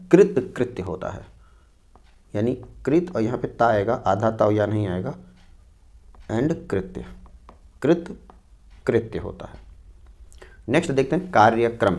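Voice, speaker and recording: Hindi teacher guy, bit low voice, goes over spelling slowly and repeats every word. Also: darkish tone. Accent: North Indian Hindi. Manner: explains slowly, repeating each word and saying "dekhiye" and "theek hai". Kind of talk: exam-prep spelling lesson.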